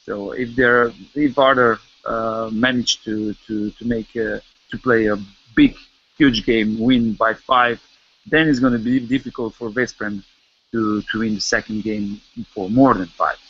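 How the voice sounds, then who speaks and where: A man's voice: lowish voice, fairly even intonation, a little slow. A man speaking hesitantly, repeating words, as a panelist in a casual discussion. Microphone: video call. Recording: muffled online call audio.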